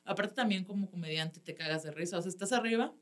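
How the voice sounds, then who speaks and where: A woman stand-up comedian with a Mexican accent, telling stories in a casual chat, animated and laughing often, with lots of slang. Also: lowish voice, fast.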